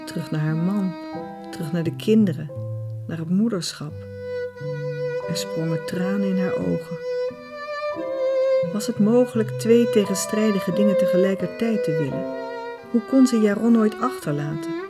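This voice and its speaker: A woman reading a novel aloud as narrator, calm and measured. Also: mid-range voice, loud music behind the voice. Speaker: audiobook narrator. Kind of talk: scripted narration.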